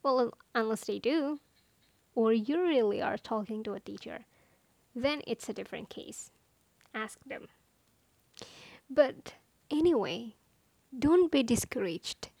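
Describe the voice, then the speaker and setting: A non-native English-speaking woman gives playful, self-mocking language-learning advice to her audience in a casual talk. She sounds animated yet unhurried, with a fairly high, creaky, slightly mellow voice, frequent pauses, and no echo.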